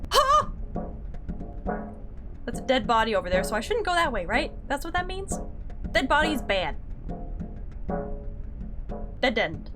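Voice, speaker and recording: A woman streamer playing a horror game live, excitable and yelping at every scare. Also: high voice. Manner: excitable, yelps and squeals at scares. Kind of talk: live gameplay commentary.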